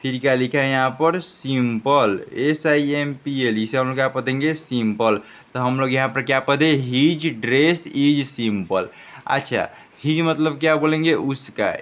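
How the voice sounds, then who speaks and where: A man's voice: medium pitch, a bit bright, highs cut off. A man teaching an English reading lesson, spelling out each word letter by letter and answering his own questions. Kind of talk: classroom lesson.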